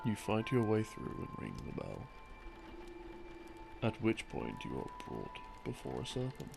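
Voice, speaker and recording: Playing a rambling boyfriend, an audio creator talks softly in a sleep-aid ASMR ramble, explaining from memory in a low, very gravelly voice whose pitch swoops wildly. He is halting, unhurried and musing, trailing off, over soft background music.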